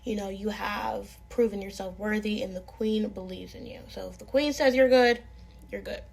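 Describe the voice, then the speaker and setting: A woman's voice: mid-range voice, fairly even intonation, normal speed, vocal fry, darkish tone. A woman voicing a fairy-tale king who speaks in a formal, ceremonial way.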